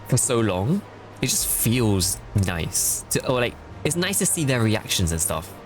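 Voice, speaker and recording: Chatty male streamer, lively and animated, casual game commentary. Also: medium pitch, unhurried, faint music behind. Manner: chatty, filler-heavy, excitable.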